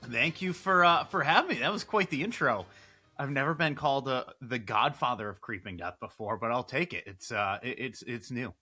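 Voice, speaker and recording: Bright-voiced man telling rambling stories. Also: mid-range voice, moderate pace, faint music behind. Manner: lively, rambling, many fillers and restarts. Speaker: guest filmmaker and musician. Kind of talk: casual interview storytelling.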